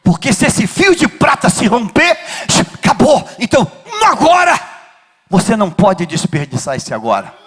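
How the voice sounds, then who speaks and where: Um pastor de Rio de pregando um sermão com fervor, chamando a congregação a responder e subindo a voz em gritos. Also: male voice, extremely high pitch, huge pitch swings, moderate pace, breathy edge. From Brazil. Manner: fervent preaching, rising to shouts, call-and-response with the congregation. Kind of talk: sermon. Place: church.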